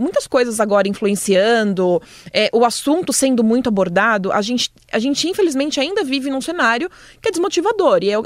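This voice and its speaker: A Brazilian Portuguese woman hosts the interview in a chatty, conversational way. She builds long, winding questions in a fairly high voice. The sound is dry, with little room. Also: dry recording.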